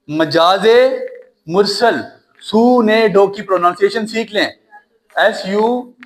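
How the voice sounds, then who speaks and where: A man giving a classroom grammar lecture, often pausing to check that students follow and spelling words out slowly. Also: sits high. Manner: repeats checks like "right?", calls students "child", spells slowly. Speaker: English grammar teacher.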